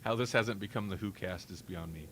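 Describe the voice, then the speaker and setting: On a live-streamed podcast, a podcast host trades casual banter in a deep, fairly bright voice. He talks fairly quickly, wandering from point to point with wry humor and frequent self-interruptions.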